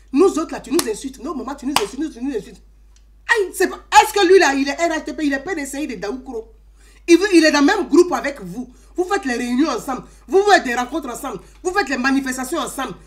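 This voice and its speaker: A woman with an Ivorian French accent delivering an impassioned political monologue, emphatic and scolding, swinging between loud outbursts and low asides.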